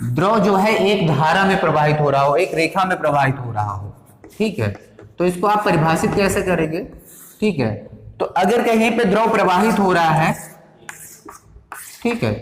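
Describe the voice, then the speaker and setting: A male teacher explaining a lesson step by step, often pausing to check that his students follow. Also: sits high, slight background noise. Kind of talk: classroom physics lesson. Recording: echoey room with long reverb.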